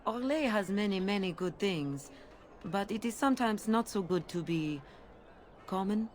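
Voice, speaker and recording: A woman playing a courteous, wistful émigré flower seller in a video game, with a French accent and formal, gently questioning phrasing. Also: medium pitch, expressive, a little slow, a little hiss or hum, natural voice. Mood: guarded, rueful. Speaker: market merchant. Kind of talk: video game character dialogue.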